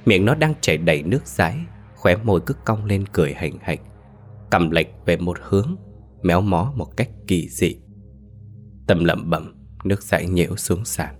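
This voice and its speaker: A man narrating a horror story in a slow, ominous storytelling manner. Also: low voice, lively intonation, slightly rough, soft background music.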